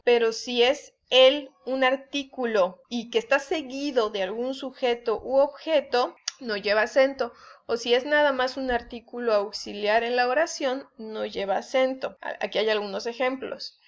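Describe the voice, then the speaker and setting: Woman teaching spelling rules. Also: on the high side. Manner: explains with everyday spoken examples. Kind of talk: spelling and grammar lesson. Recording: dull lo-fi recording.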